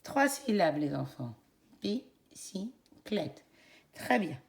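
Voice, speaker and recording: A woman teacher with a French accent, giving a phonics lesson to young children in a slow, encouraging voice and spelling out each syllable. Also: low-pitched, sing-song, gravelly, a little mellow.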